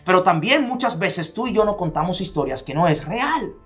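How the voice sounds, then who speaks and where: A man's voice: high-pitched, lively intonation, normal speed, fairly bright tone, soft background music. A man from the Dominican Republic with a Dominican accent, giving a motivational talk. He fires off repeated rhetorical questions and drops to near-whispers for emphasis. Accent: Dominican Spanish. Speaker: motivational speaker.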